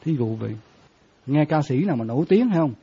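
A man's voice: fairly high pitch, animated, brisk, dark tone, husky. A man, a Buddhist monk giving a conversational dharma talk and often quizzing his listeners. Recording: dull lo-fi sound.

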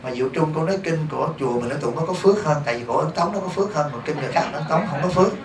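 A man with a Southern Vietnamese accent, a Buddhist monk giving a lively dharma talk and asking his congregation rhetorical questions. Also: fairly high pitch, racing. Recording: echoey room, distant mic, faint hiss.

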